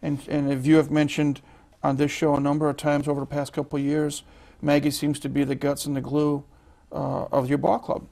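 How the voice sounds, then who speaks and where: A man hosts a college sports interview show, reading player statistics haltingly with frequent fillers and restarts. His voice is a little high, monotone, gravelly, and mellow.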